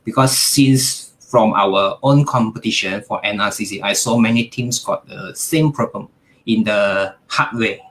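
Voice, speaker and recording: Malaysian male tech trainer, low voice, calm and plain. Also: measured pace. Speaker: technical trainer. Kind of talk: online technical lesson.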